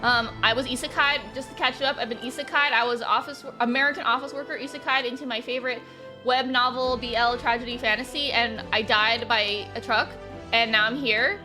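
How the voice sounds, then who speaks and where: A woman's voice: on the high side, fairly even intonation, fairly quick, over music. A young woman streaming a game, reading the story text aloud and chatting between lines in a bubbly way. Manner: bubbly and chatty, laughing often. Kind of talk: live-stream playthrough, reading visual novel text aloud.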